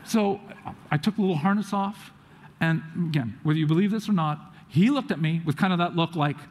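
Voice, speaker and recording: A man telling a family story to an audience, acting out what others said in lively quoted voices. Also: fairly high pitch, brisk, a little hiss or hum. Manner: animated, acts out quotes of others. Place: auditorium. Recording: long hall reverb.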